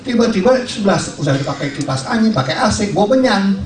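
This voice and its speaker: A man's voice: sits high, big pitch swings, fairly quick, a crowd in the background. A man giving a jokey motivational training talk to salespeople, asking the audience questions and acting out little scenes. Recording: echoey room, voice from far off.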